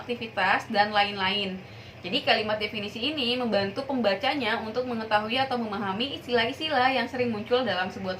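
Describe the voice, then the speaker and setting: A woman's voice: mid-range voice, a bit bright, slight background noise, low-quality recording. A young woman teacher giving a recorded grammar lesson, explaining step by step and asking rhetorical questions along the way. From Indonesia.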